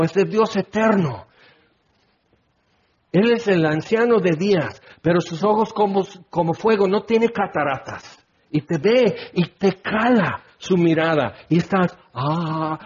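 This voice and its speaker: A preacher with a fairly high, husky voice delivers an animated sermon. He slips into little acted voices to make his points. The recording is dull and lo-fi. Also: a little slow. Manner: animated, acts out little scenes with put-on voices.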